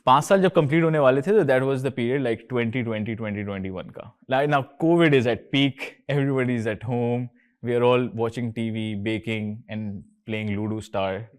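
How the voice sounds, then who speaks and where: A man's voice: medium pitch, fast talker, clear, resonant tone. A man in his thirties from Karachi with a Pakistani accent, hosting a casual, chatty talk with students and often slipping between English and Urdu. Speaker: host, company co-founder.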